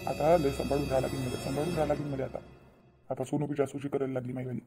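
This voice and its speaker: A man voicing a sly cheating husband in a cartoon, speaking in a fretful, rapid patter. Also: medium pitch, flat delivery, over music, natural voice. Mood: fretting. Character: sly cheating husband, caught between wife and lover. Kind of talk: cartoon voice acting.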